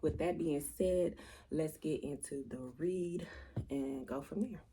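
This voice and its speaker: A woman with a raspy voice, chatting casually to viewers as a tarot reader in a monotone, matter-of-fact way. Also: sits low, a little slow, very noisy. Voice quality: raspy, gravelly. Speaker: tarot reader hosting a channel.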